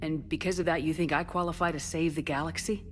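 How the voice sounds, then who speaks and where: Actress playing steady female war-hero commander, deep for a woman, terse, controlled, video game drama, light background noise. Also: fast, lightly acted. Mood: reserved, doubtful. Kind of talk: scripted video game acting.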